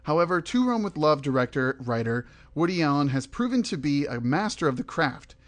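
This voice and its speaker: A film review podcast host with a rather high, sing-song voice talks a little fast as he moves from a scripted intro into loose, conversational opinions.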